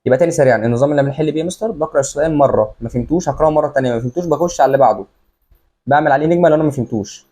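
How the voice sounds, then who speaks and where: A man's voice: a little high, dark tone. A young man with an Egyptian Arabic accent, casually walking students through exam tips, repeating each step aloud. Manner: rapid, repetitive, walks through steps aloud.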